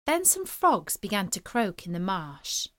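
A woman reads a fairy tale aloud as storyteller, unhurried and measured. Her pitch rises and falls widely, giving the story an expressive, lilting feel.

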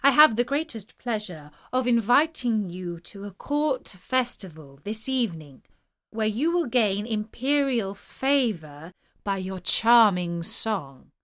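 A woman's voice: mid-range voice, big pitch swings, takes it slowly, fairly bright tone. A woman doing a gushing young courtier. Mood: courtly. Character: eager, fawning young male courtier.

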